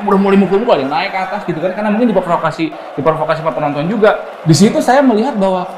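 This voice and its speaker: A man with a Sundanese accent, telling a lively story in an interview, laughing often and acting out the voices of the people he quotes. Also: sits high, very fast, reverberant, background noise. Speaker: supporter leader telling a story.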